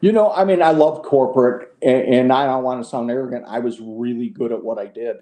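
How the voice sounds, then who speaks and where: A man's voice: mid-range voice, a little fast, mellow. A middle-aged man speaking as a podcast guest, frank and a little sarcastic, often restarting his sentences. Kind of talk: candid conversational interview. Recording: echoey room.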